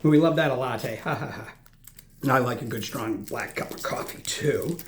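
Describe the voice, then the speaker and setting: A man's voice: mid-range voice, normal speed. A man hosting a snack tasting video, reading out product notes and chatting as he chews. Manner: self-deprecating, chatty, chews while talking.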